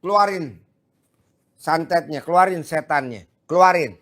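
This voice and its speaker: A man, hosting and chatting loudly and teasingly with visitors. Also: fairly high pitch, measured pace. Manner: joking, boisterous, loud and teasing. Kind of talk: casual chat with visitors. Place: large echoey space, maybe a sheep barn. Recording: very echoey, distant mic.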